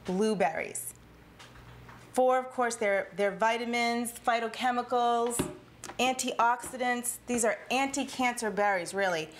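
This scripted TV cooking segment is hosted by a woman in her thirties in an indoor, home-style studio kitchen. She explains every step with cheerful rhetorical questions, in a fairly high voice over a noisy background.

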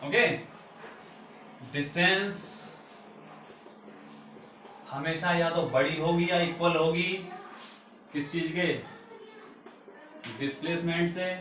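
A young male physics teacher lectures at a whiteboard in a small room, mixing Hindi and English as he asks and answers his own questions. His voice is a little high and sharp with a steady tone, slow pace and long pauses. Recorded by a camera a few meters off, he sounds far away in a very echoey room, with slight background noise.

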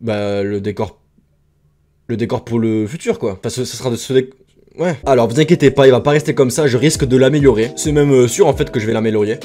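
A young man reacting to videos in a casual, jokey, excitable way as a YouTube host, speaking straight to his viewers. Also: medium pitch, fast. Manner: excitable, jokey, talks to viewers as "les gars".

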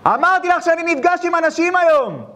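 A man acting out a rude young businessman shouting. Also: extremely high pitch, animated, pitched above the performer's own voice, full character voice. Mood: irritated. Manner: irritated shouting into a phone. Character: rude young businessman snapping at his mother.

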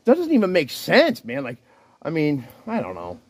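A man in his fifties vlogging from his bicycle in the rain, talking into his phone in an earnest, rough-spoken ramble full of restarts. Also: on the high side, huge pitch swings, normal speed, darkish tone. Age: 50s. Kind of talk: rambling religious talk to camera. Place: outdoors, riding a bicycle in the rain. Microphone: phone held while riding. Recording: wind noise and rain hitting the phone mic.

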